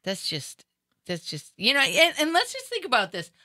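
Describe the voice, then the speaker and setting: A middle-aged woman, a guest on a talk show, chatting casually with jokes and quick asides. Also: sits high, wildly swooping pitch, bright, forceful tone, no echo, studio quality. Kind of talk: casual chat.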